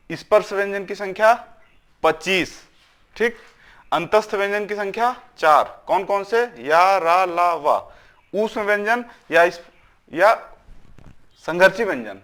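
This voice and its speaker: Hindi teacher drilling consonants, slightly high voice. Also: male voice, fairly bright tone. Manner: asks questions and answers them himself, drills syllables aloud; repeats checks like "is it not?". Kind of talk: classroom grammar lesson.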